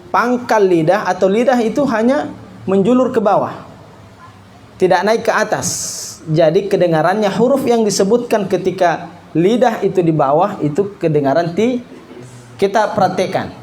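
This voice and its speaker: Slow, high-voiced male Quran teacher. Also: darkish tone, slight background noise. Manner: slow, repeats syllables for students to copy. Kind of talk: classroom tajweed lesson.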